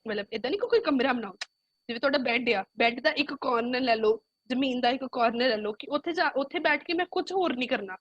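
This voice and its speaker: A woman's voice: fairly high pitch, dry recording, lo-fi sound. A woman with a Punjabi accent giving an earnest motivational talk to students, often slipping English words into her speech. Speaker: guest speaker.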